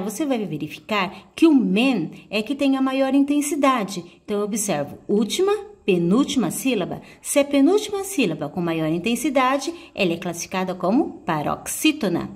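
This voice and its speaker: A woman teacher with a Brazilian Portuguese accent, giving a video lesson to schoolchildren and slowly stressing syllables as she sounds out words. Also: mid-range voice.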